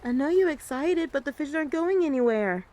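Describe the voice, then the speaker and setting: A woman playing a gentle, doting mother in a soft-spoken ASMR role-play, soothing and coaxing as she talks to the listener like a small child. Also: high voice, lively intonation, a little fast. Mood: tender. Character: gentle doting mother taking her little one out. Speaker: ASMR creator.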